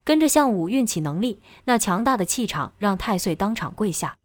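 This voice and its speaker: A woman's voice: medium pitch, lively intonation, brisk, no echo, clean studio sound. Woman narrating an action novel. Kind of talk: audiobook narration.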